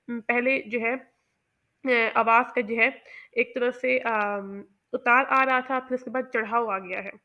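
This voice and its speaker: A woman teaching pronunciation, explaining carefully and often pausing with "uh". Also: on the high side, bright, forceful tone. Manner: measured and explanatory, with many "uh" pauses. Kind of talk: explanatory lesson.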